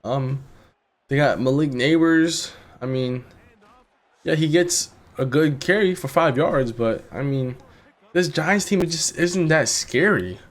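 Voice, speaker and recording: A man's voice: a little high, slow pace. Laid-back rambling young man. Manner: laid-back and rambling, swearing, with sudden excited jumps. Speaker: gaming commentator. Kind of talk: casual game commentary.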